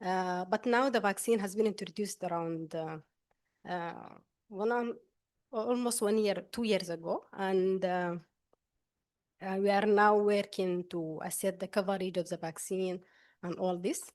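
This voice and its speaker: A woman with a Sudanese accent introduces herself and her work to a group, speaking haltingly with pauses. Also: medium pitch, a little mellow. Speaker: course participant, malaria researcher. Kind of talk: spoken self-introduction to a group.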